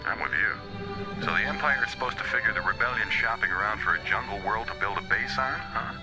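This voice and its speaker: An actor playing a cocky, grumbling rebel captain with a wry, sarcastic, offhand manner in a space adventure audio drama. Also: male voice, fairly low pitch, brisk, over music, close to an everyday voice, low-quality recording. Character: cocky, grumbling, sardonic male smuggler turned rebel captain.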